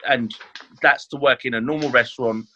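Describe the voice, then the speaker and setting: Over a lo-fi recording, a man who was born in Leeds and grew up in London chats as a podcast guest about his work as a chef, with frequent fillers and restarts. His mid-range voice is brisk, bright and forceful, with fairly even intonation.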